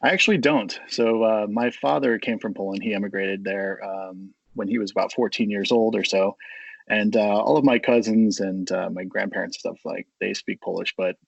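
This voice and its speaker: Young American man, podcast guest, husky gravelly voice, dull dry recording, rambling friendly talk. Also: lowish voice, moderate pace, no echo. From United States. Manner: friendly, rambling, with many fillers. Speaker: coffee company co-founder, guest. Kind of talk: casual interview.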